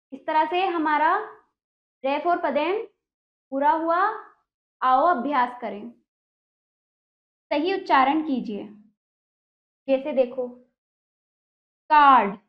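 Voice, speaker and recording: A woman's voice: extremely high pitch, lo-fi sound. A woman teacher giving a spelling lesson to young children, explaining patiently step by step with repeated examples.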